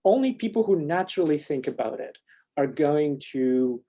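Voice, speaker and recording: A man's voice: on the high side, expressive, normal speed, dark tone. A man from Poland giving a talk and answering audience questions, reflective and wry, with frequent restarts.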